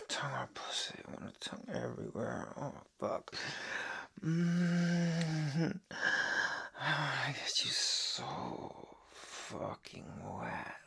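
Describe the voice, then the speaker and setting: A man speaking an intimate monologue, mostly in a hushed, breathy whisper that lingers on each phrase. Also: on the high side, a little hiss or hum.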